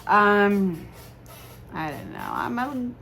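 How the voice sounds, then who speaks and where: A woman's voice: mid-range voice, huge pitch swings, extremely slow, creaky, sharp tone, slight background noise. A woman in her sixties, slightly tipsy, chatting casually and ramblingly as a vlogger. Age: 60s. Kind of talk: casual chat.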